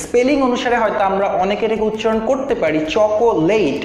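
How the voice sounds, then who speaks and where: A man's voice: high-pitched, lively intonation, fast, a little mellow, a little hiss or hum. A man with a Bangladeshi accent teaching English pronunciation, repeating each word over and over and mixing English into his Bengali. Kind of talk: spoken language lesson. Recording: echoey room with long reverb, faint music.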